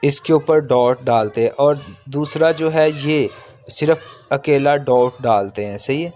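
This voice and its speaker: A male language teacher with a mid-range, darkish voice walks through a lesson step by step. He repeats himself often and stretches out vowel sounds as examples.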